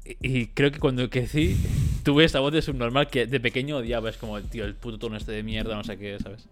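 A man's voice: mid-range voice, fairly even intonation, brisk, soft background music. A young man, co-hosting a podcast in casual chat, joking and mocking himself with free swearing. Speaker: podcast co-host.

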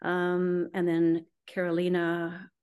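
A middle-aged woman with a lowish voice recounts her experiences as an interview guest. She rambles, restarts sentences and fills her pauses with ums as she goes. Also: completely flat delivery, darkish tone, clear, resonant tone. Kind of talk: conversational storytelling.

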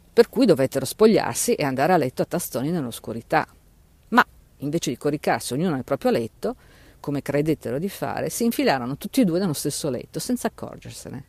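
Man, audiobook narrator, very animated pitch, gravelly, dry close sound. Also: dry recording. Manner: expressive, animated storytelling.

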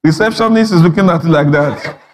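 Male pastor, slightly high voice, storytelling sermon with humor. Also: fairly quick, a little hiss or hum. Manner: animated storytelling, acting out dialogue, frequent laughter.

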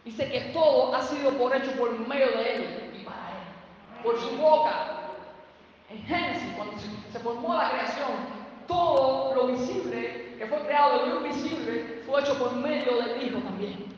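A man's voice: very high voice, a little slow, slight background noise. A man with a Cuban accent preaching a sermon and telling scripture stories in his own words. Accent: Cuban Spanish. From Cuba. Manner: vivid storytelling, retells scripture scenes. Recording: echoey hall, distant mic, dull sound.

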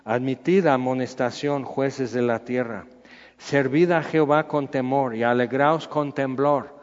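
A man preaching a sermon, animated, acting out the voices he quotes. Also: mid-range voice, a little slow. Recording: dull sound in a reverberant hall.

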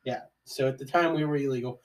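A man's voice: mid-range voice, fairly even intonation, quick pace, recorded from a distance, low-quality recording. A young man co-hosting a podcast, telling stories in a laid-back, joking way. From Ohio, US. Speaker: podcast co-host. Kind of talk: casual storytelling chat.

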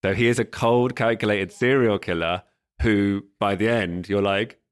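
A man's voice: lowish voice, steady tone, normal speed, smooth, dry recording. A man in casual podcast conversation, thoughtfully picking apart a film's themes with frequent restarts. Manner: thoughtful, analytical, many restarts. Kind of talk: casual film discussion.

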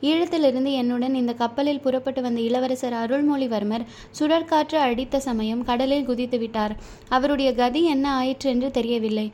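A woman's voice: sits high, normal speed, warm tone, close to an everyday voice. A woman voicing an earnest, respectful young male warrior in a storybook reading. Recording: dull lo-fi recording.

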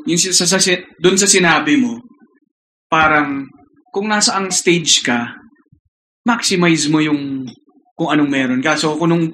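A man's voice: a little high, sharp tone, a little hiss or hum. A man co-hosting a casual chat podcast, telling stories in a rambling way with many fillers. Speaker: podcast co-host.

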